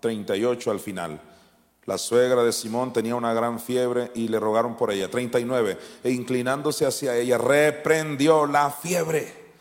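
A man preaching a sermon, swinging from shouted commands down to quiet, low asides. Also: fairly even intonation, moderate pace. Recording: long hall reverb.

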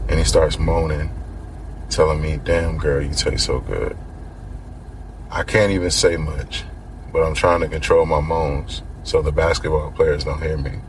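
A man's voice: rumbling low, noisy background. A man hosting a podcast, telling a first-person story in a casual, slangy, conversational way and acting out quoted lines in his own voice. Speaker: podcast host.

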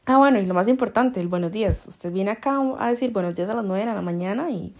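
Gravelly Costa Rican woman chatting. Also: medium pitch, quick pace. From Costa Rica. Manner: chatty, laughs often, heavy slang. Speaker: podcast host. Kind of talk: casual storytelling chat.

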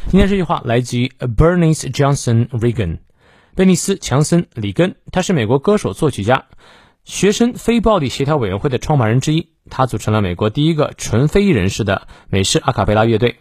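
Male English teacher, expressive pitch, dry booth sound, explains and models pronunciation. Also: no room sound. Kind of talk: daily English lesson.

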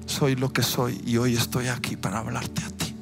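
A man preaching a sermon, telling a personal story and swinging from quiet storytelling to loud, impassioned preaching. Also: mid-range voice, level tone, normal speed, vocal fry. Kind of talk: emotional sermon testimony. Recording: music playing behind the voice.

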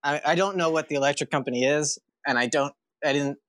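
A man co-hosting a casual podcast, deadpan and halting. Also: a little high, no echo. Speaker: podcast co-host.

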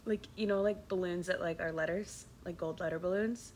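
In a lowish, steady, slightly mellow voice that moves fairly quickly, a young woman co-hosts a casual podcast chat. She's a little sniffly from allergies, chatty and laughing, lowering to a whisper for secrets, with slight background noise present.

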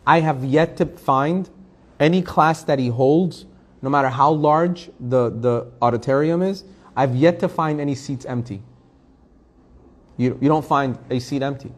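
A man's voice: medium pitch, darkish tone. A man, a rabbi, teaching an informal class, talking with animation, repeating phrases for emphasis and putting questions to his listeners. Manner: asks the listeners direct questions. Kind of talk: informal spoken class to a group.

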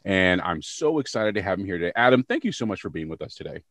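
A man's voice: sits low, very animated, quick pace, fairly bright tone, no room sound. A podcast host from the South, upbeat and joking as he interviews a guest. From Southern United States. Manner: upbeat, joking, self-promoting.

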